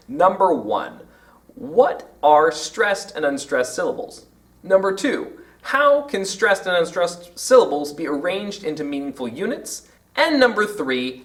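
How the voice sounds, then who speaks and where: A man's voice: on the high side, recorded from a distance. Guy teaching poetry, bouncy voice that jumps around a lot, sounds a bit off mic. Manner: lively, emphatic, drawn-out example words. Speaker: teacher explaining poetry terms. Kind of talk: educational video lesson.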